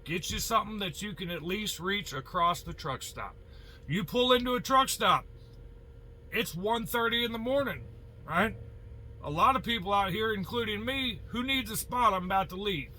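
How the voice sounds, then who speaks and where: An American truck driver with a high, sharp voice and lively intonation gives advice at a moderate pace in a casual, opinionated monologue to viewers. He's blunt and folksy, tossing in rhetorical questions and mild swearing. A bit of hiss or hum sits under the recording.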